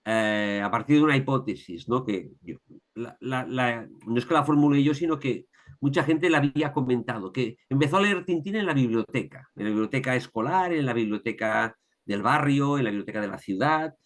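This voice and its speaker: A man's voice: medium pitch, brisk. Catalan man, thoughtful interview talk. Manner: thoughtful, many restarts and tag questions. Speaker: author, guest.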